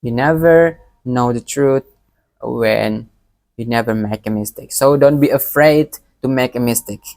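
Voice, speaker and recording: A young man with a Palembang Indonesian accent gives a recorded exam presentation as an education student, halting and often repeating words. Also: medium pitch, a little mellow, no room sound. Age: young adult.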